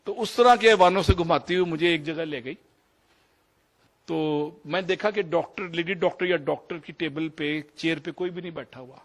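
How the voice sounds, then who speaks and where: Pakistani man, fifties, slightly high voice, digressive storyteller mixing in English. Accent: Pakistani Urdu. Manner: anecdotal, digressive, mixes English phrases. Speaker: doctor sharing experiences. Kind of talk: storytelling talk.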